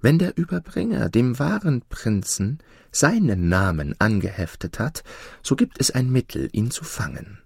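A man's voice: mid-range voice, big pitch swings, moderate pace, gravelly, darkish tone, husky, dry recording, clean studio sound, voice pushed up, exaggerated voice. A man voicing a wise old female slave who advises a princess in a fairy tale. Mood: sly. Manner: confiding, scheming.

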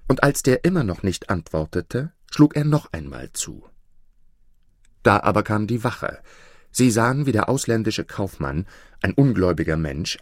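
A man with a very deep voice reads an old tale aloud, calm and measured. The sound is close and dry, with no room around it. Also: no echo. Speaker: narrator. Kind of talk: storybook reading.

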